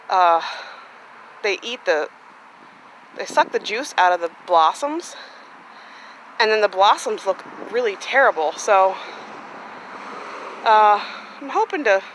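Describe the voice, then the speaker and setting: Lady rambling about her garden outside, bright tone, faint outdoor noise. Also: mid-range voice, low-quality recording. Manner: chatty and rambling, with fillers. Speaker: gardening vlogger. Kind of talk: casual walk-through vlog. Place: outdoors in a sunny home garden.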